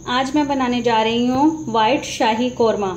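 A woman hosting a cooking channel, calmly narrating a recipe step by step as she cooks in a home kitchen. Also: a little high, a little slow. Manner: calm, methodical, walks through each step. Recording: echoey kitchen with background noise.

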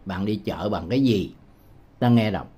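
A man from Vietnam teaching English words in a patient tutorial, repeating each word slowly with hesitation sounds. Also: fairly low pitch, crowd noise. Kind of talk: slow, patient screen-demo tutorial.

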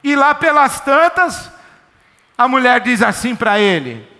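Lively preacher in echoey church. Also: male voice, very high-pitched, measured pace. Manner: lively, conversational, jokey storytelling. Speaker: pastor. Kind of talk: sermon.

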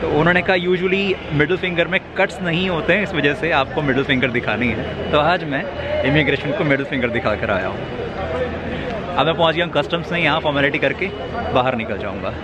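A man's voice: fairly high pitch, fairly quick, over a noisy crowd. Chatty man vlogging from a border terminal. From India. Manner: chatty, explains each step to the viewer. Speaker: travel vlogger. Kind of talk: casual travel vlog narration. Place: outdoors and indoors at a border terminal. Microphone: camera held at arm's length.

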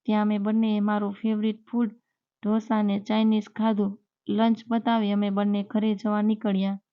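A woman narrating a scripted first-person story in a steady, even reading voice. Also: medium pitch, normal speed. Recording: dull lo-fi recording.

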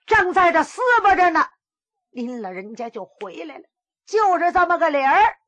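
A woman's voice: big pitch swings, moderate pace, fairly bright tone, dry recording, heavily acted. A woman storyteller voicing a scheming young woman who wails and tells a wheedling false story. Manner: wailing, wheedling, shrill accusations.

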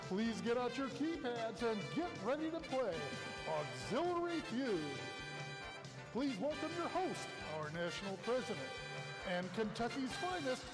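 Booming man announcing a game show. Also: sing-song, measured pace. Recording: loud music behind.

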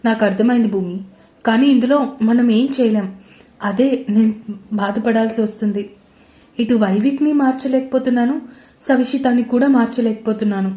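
A woman's voice: a little high, moderate pace, warm tone, close to an everyday voice. A woman voicing a caring, troubled young man who speaks earnestly, in a roomy-sounding recording. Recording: roomy echo.

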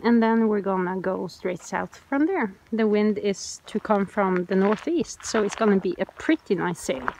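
A Norwegian woman in her forties narrates a sailing vlog from a sailboat at sea, explaining things in a relaxed way and pointing out sights. Her voice is medium-pitched, at a moderate pace with hardly any pauses. The recording quality is low.

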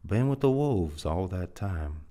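Man voicing a gruff frontier trail man, deep voice, folksy backwoods drawl, hot-tempered, stubborn, dramatic reading. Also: lively intonation, unhurried, warm tone. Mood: grim.

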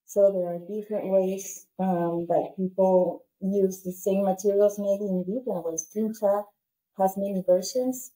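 Peruvian woman with a dark, mellow voice. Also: mid-range voice, steady tone, low-quality recording. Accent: Peruvian Spanish. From Peru. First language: Spanish. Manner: earnest, explains with pauses and restarts. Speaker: guest architect. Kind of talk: video call interview. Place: home room, indoors. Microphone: wired earphone mic.

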